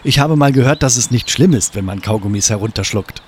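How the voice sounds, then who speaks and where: A man voicing a calm ten-year-old boy who waves things off dismissively. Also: mid-range voice, a little fast, a little hiss or hum, natural voice.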